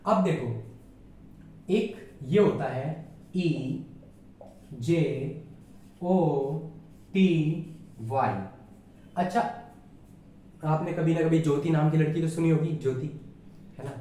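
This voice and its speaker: A man with a fairly high, mellow voice runs a casual exam-prep lesson, chatting familiarly and checking again and again that his students understand. He sits well back from the microphone in a bare, strongly echoing room. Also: slow, long pauses. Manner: chatty, checks understanding often, calls listeners "yaar". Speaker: reasoning teacher. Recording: very echoey room, voice far from mic.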